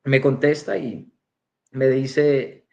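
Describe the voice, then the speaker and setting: A man's voice: medium pitch, fairly even intonation, very slow, creaky, mellow. Guy telling his church testimony, acting out all the dialogue, kinda muffled dull recording. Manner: storytelling, acting out quoted dialogue. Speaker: church member giving a testimony. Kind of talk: spoken personal testimony.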